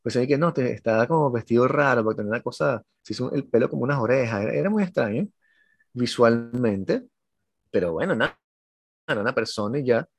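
A man with a Venezuelan accent, telling an animated anecdote in a casual podcast chat. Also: medium pitch, fast, no room sound.

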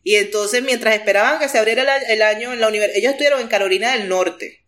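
A woman's voice: fairly high pitch, fast talker, fairly bright tone. A woman from Venezuela with a Venezuelan Spanish accent, talking casually and rambling with lots of fillers as an interview guest. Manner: chatty, rambling, frequent fillers.

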